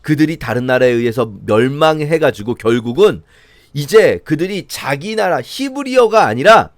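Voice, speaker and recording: A man's voice: on the high side, expressive, moderate pace, dry recording. A man, a pastor, explaining a Bible passage in a conversational sermon and acting out mocking voices of the scoffers. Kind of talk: sermon-style Bible reading commentary.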